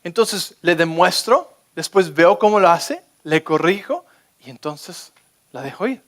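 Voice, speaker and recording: A man delivers a sermon from the pulpit, with a notably high voice for a man. He preaches with energy and keeps asking his listeners if they are following him. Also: a little slow. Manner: energetic, keeps checking in with the audience. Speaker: pastor.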